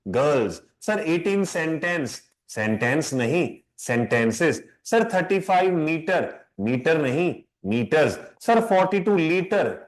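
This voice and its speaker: Lively man teaching English grammar. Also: fairly high pitch. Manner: lively and conversational, mixes English into Hindi, quizzes students. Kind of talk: live online lecture.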